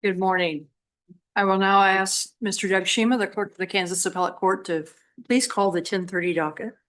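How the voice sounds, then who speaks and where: A woman's voice: medium pitch, fairly even intonation, normal speed, a bit bright. A woman presiding as judge, giving formal procedural instructions in court.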